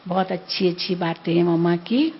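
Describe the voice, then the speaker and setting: An older woman in her seventies, a spiritual teacher telling stories in a class, gentle and unhurried, often checking in with her listeners. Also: lowish voice, slight background noise. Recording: dull lo-fi recording.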